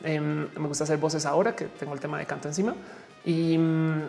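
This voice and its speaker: A woman's voice: low voice, little pitch movement, fairly quick, vocal fry, mellow, soft background music. A woman in her forties with a Mexican accent, casually chatting and reading viewer comments aloud, laughing often. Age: 40s. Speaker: streamer answering chat. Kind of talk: casual live chat.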